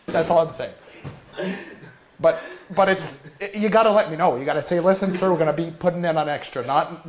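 Stammering young man with a higher voice. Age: 20s. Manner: hesitant, stammering, repetitive. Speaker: prank caller. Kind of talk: prank phone call posing as a complaining customer. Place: small indoor office room.

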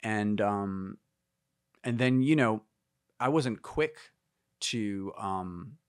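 A man's voice: fairly low pitch, very slow, smooth, no room sound, studio quality. A man in his fifties talking as a guest musician in a casual interview, reflective and meandering, with many fillers and restarts.

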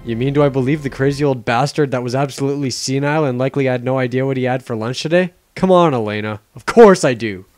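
A man's voice: medium pitch, fast, hardly any pauses, darkish tone, no room sound, faint music behind, natural voice. A man voicing a boastful, sarcastic, short-tempered adventurer in a parody game dub, with theatrical exasperation.

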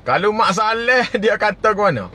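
A man with a raised, high voice hosts a relaxed live stream. He reads out viewer comments, greets people by name and laughs easily between remarks. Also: moderate pace.

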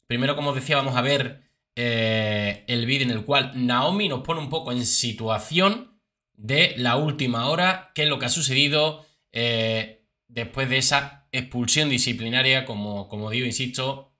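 A man's voice: medium pitch, moderate pace, bright, forceful tone. A man giving chatty commentary on reality-show clips, with many fillers and repeats. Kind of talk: casual commentary.

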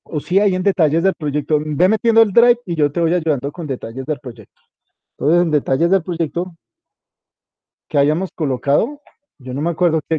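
A man's voice: a little high, no echo, lo-fi sound. Informal man coaching a student. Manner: informal, coaching, spells out details. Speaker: instructor. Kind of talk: guiding a student through a web page setup.

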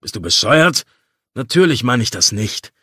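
A man's voice: mid-range voice, very animated, moderate pace, bright, forceful tone, slightly rough, no echo, studio quality, heavily acted. A man voicing a cheeky, crude young man who mocks his friend in an audiobook. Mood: teasing. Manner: mocking, cheeky.

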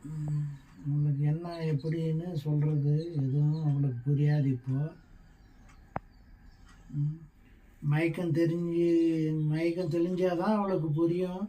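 A man's voice: fairly high pitch, level tone, unhurried, long pauses, dark tone, close to an everyday voice. A man acting a husband who consoles his crying wife in a comic skit, repeating soothing words with stifled laughter in speech. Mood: consoling. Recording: echoey room with audible background noise.

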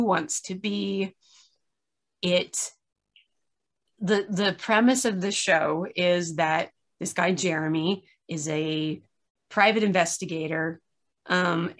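A tired woman chatting casually over a video call, giving a candid critique and laughing often as she complains. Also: fairly low pitch. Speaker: podcast reviewer.

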